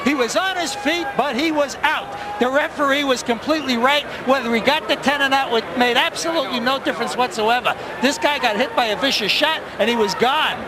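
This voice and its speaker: A man giving loud, blunt, emphatic boxing commentary as a broadcast judge. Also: extremely high pitch, fairly quick. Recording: live arena with crowd noise.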